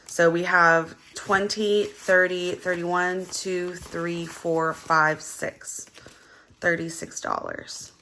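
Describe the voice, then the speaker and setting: In a low-quality recording with a slight hiss or hum, a young woman who vlogs about budgeting counts money and talks in a relaxed, unhurried way. Her voice sits slightly low yet sounds bright and forward, with the gravelly hoarseness of early morning. Her tone stays level as she rambles, filling gaps with fillers and counting out loud.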